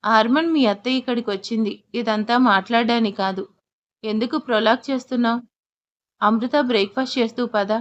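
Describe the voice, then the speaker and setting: A woman's voice: a little high, steady tone, a little fast, muffled recording, lightly acted. A woman voicing a kind, reassuring elder mother. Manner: warm, reassuring. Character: kindly middle-aged mother-in-law.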